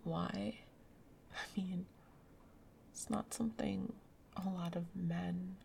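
A woman whispering softly in a gentle, soothing ASMR roleplay as a caring girlfriend. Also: fairly low pitch, gravelly, a little hiss or hum. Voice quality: soft whispery. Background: rain sounds.

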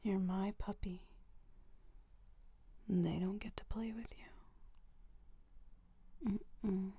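A woman voicing a possessive, doting lover in an audio roleplay, murmuring in a slow, low-key half-whisper. The tone is dark and husky with a touch of fry. It is recorded close and dry, with no room sound. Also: no echo, exaggerated voice. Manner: slow, intimate half-whispering with soft giggles. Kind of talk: audio roleplay addressed to the listener.

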